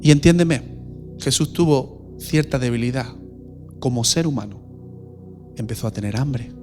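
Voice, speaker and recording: A pastor preaching a sermon in a church, direct and questioning. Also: male voice, mid-range voice, a little slow, a little mellow, soft background music.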